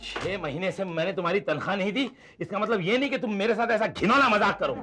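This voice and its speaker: An actor playing a wisecracking clinic doctor in a sitcom, firing off teasing jokes. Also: male voice, sits high, noisy background, natural voice. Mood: joking. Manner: wisecracking, quick comic jabs. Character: joking middle-aged clinic doctor. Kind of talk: sitcom acting.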